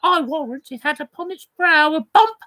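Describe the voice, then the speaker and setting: A woman's voice: sits high, lively intonation, moderate pace, pushed and bright. A woman voicing a chatty, fond old nurse who rambles through memories and keeps breaking into giggles, in a theatrical play reading. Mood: giggling.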